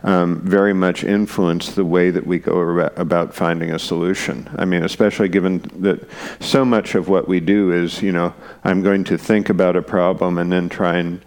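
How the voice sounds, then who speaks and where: Low, gravelly man explaining code. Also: level tone, normal speed, few pauses, a little mellow. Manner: hesitant, many fillers and restarts. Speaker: guest programmer and conference speaker. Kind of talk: unscripted technical explanation.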